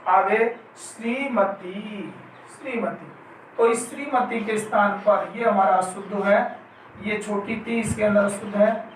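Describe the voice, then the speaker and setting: In this spelling lesson for exam prep, a high-voiced Hindi grammar teacher keeps a steady tone while drawing each word out slowly, saying it again, and answering his own questions. It's captured from afar in a very reverberant room with faint noise.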